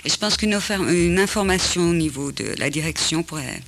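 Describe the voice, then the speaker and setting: A woman's voice: on the low side, animated, a little fast, fairly bright tone. A woman teacher, speaking earnestly and conversationally on a discussion panel.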